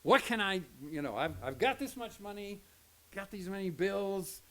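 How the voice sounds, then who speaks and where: Animated older pastor with Oklahoma twang. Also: male voice, high-pitched, moderate pace. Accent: Oklahoma Southern American. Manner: joking, animated, acts out quoted voices. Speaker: pastor emeritus teaching Sunday school. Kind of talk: folksy Sunday school lesson.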